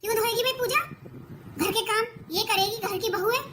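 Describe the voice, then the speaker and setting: Cartoon mother-in-law, older, taunting and bossy, voiced by a woman; very high voice, noisy track. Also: fairly quick. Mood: scolding. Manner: scolding, taunting. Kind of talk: cartoon voice acting. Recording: noisy recording.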